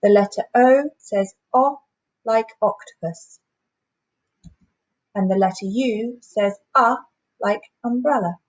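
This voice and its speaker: A woman teaching a phonics lesson to young children, sounding out letters and words slowly and clearly. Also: mid-range voice, a little mellow, no room sound, poor audio. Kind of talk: primary school phonics lesson.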